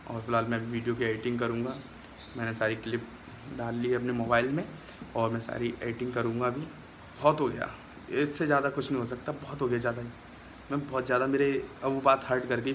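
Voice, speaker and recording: A man's voice: mid-range voice, little pitch movement, fast talker, slight background noise. A young man talking straight to his phone camera in a casual vlog, aggrieved and complaining as he retells a quarrel. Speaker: vlogger.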